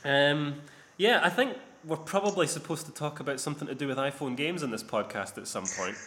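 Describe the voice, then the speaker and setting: A man's voice: a little high, animated, brisk, sharp tone. Rambling male podcast host, echoey room. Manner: rambling, self-deprecating. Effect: echoey sound from a near-empty living room. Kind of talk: casual podcast chat. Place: sparse living room, indoors.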